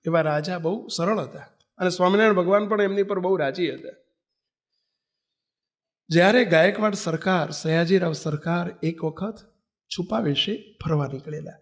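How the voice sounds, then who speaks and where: A man's voice: high voice, normal speed. A man from Gujarat giving a storytelling sermon, animatedly acting out the figures in a parable. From Gujarat, India. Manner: animated, voices characters in a parable. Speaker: preacher.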